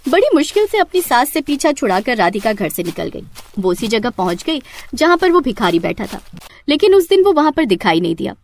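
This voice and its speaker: A woman's voice: on the high side, very animated, a little fast, slight background noise. A woman narrating a scripted story.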